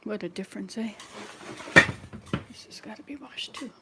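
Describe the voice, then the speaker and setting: A woman in her 60s, a vlogger, chats casually to viewers at home indoors while cleaning her house, rambling from one chore to the next. Her voice is medium in pitch at a moderate pace, and the recording is very noisy.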